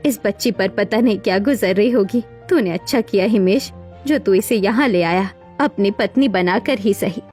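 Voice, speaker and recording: A woman voicing a kind, motherly mother-in-law who speaks gently and reassuringly in a dramatized moral story. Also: medium pitch, moderate pace, soft background music, natural voice. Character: kind, caring middle-aged mother-in-law.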